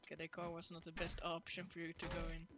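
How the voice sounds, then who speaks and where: A gamer giving casual gameplay commentary, excitable and laughing, trash-talking the other players. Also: mid-range voice, quick pace, noisy background.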